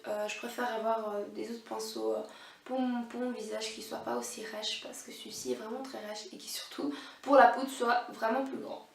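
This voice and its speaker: A woman's voice: a little high, little pitch movement, moderate pace, vocal fry, a little hiss or hum. Hesitant young woman in an echoey room. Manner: hesitant, many fillers and restarts. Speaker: beauty vlogger. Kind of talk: casual product review. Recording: echoey room, voice a bit far from mic.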